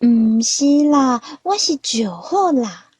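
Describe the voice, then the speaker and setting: A woman's voice: fairly high pitch, very animated, slow pace, darkish tone, husky, no room sound, studio quality, soft background music, full character voice. A woman voicing an outspoken young male leopard cat in a storybook tale, earnest and pleading. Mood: protesting. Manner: earnest, pleading, speech-making.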